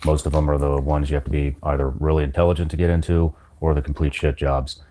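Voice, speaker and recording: A man's voice: a bass voice, little pitch movement, quick pace, dark tone, slight background noise. A man hosting a podcast interview, asking blunt, terse questions and swearing casually.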